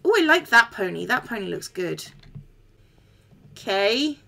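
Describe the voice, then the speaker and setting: A woman's voice: medium pitch, very animated, a little slow, creaky, pushed and bright. A woman giving casual gameplay commentary, swearing mildly as she goes. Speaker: gaming streamer.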